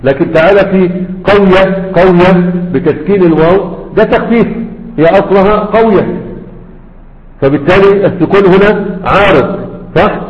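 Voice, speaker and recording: A man's voice: high-pitched, normal speed. A man with an Egyptian accent giving a grammar lesson who keeps checking with his students, asking "right?". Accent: Egyptian Arabic. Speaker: teacher of Arabic grammar. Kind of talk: classroom lecture. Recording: echoey hall, dull lo-fi sound.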